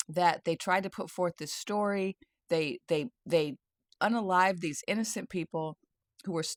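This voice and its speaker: A woman's voice: sits low, no room sound, clean studio sound. A woman giving a casual satirical monologue about the news, often breaking into laughter and talking with sardonic glee. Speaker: tarot and spirit-guide commentator. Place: home, near a garage.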